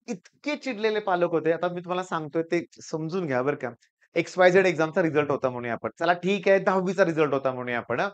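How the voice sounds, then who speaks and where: A man's voice: high voice, fairly bright tone, clean tone. A man with a Marathi accent giving an earnest motivational talk to students as their tutor, often repeating "I tell you".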